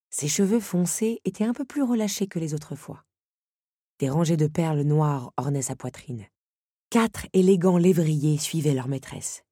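A woman narrator reading a storybook aloud in a measured, expressive way. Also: low-pitched, slightly rough, no room sound, studio quality.

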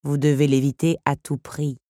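A woman voicing an excitable, imperious countess hostess, theatrical and gushing. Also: moderate pace, no echo, studio quality, lightly acted. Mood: effusive. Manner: theatrical, gushing, turns shrill and commanding.

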